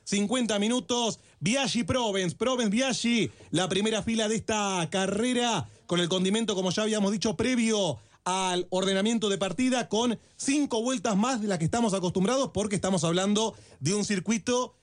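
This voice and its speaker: High-pitched Argentine male motorsport commentator. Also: moderate pace. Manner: motorsport commentator delivery, repeats phrases at key moments. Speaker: motorsport commentator, lead race caller. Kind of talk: live motor racing commentary.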